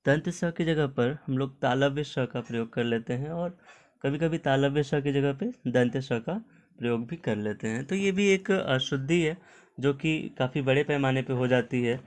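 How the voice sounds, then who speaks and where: A man gives a recorded Hindi lesson on pronunciation, his voice sitting at an ordinary middle pitch. He talks through examples patiently and keeps asking "okay?" as he goes. English words turn up now and then in his Hindi. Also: normal speed, darkish tone. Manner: explains patiently, repeating "ठीक है" often. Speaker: Hindi teacher. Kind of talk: online video lesson.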